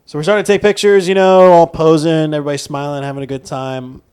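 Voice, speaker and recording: A man's voice: fairly high pitch, little pitch movement, fast, darkish tone, clear, resonant tone. Laid-back young man telling stories. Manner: laid-back storytelling, laughs often. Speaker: podcast co-host. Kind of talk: casual chat.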